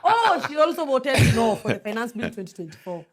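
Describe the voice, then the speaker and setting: A woman's voice: fairly high pitch, very animated, fairly quick, breathy edge. A young woman with a Kenyan accent moderating a casual panel discussion, informal and switching between languages. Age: young adult. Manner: informal, code-switches between English and Swahili.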